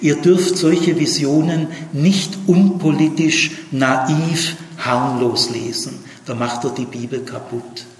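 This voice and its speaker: A man teaching a Bible study, emphatic and animated, with many fillers and tag questions. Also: a little high, slow pace, hardly any pauses, echoey room, in a large hall.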